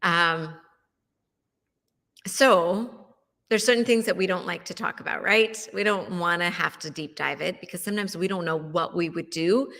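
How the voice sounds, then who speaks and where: Bright chatty woman host. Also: on the low side, moderate pace, long reverb tail. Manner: chatty, asks listeners questions, many fillers. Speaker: wellness show host. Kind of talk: casual storytelling monologue.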